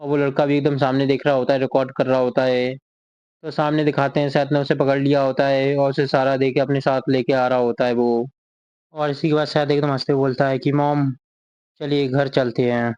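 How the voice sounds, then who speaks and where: A man's voice: medium pitch, little pitch movement, brisk, darkish tone, clear, resonant tone, no echo, highs cut off. A man casually retelling a manga chapter as a recap narrator. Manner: reads character lines in the same plain voice.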